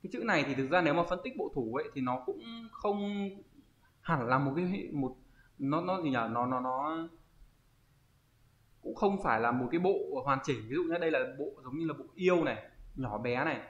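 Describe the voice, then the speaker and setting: A man teaching an online kanji lesson, often pausing and thinking aloud as he searches for the word. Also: fairly high pitch, animated, a bit bright. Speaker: Japanese teacher. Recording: roomy, slightly dull audio.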